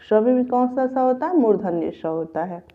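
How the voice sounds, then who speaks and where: A woman with a fairly high, lively voice and a moderate pace teaches grammar for an exam, patiently stepping through and repeating every example. The recording has a tinny, phone-like quality.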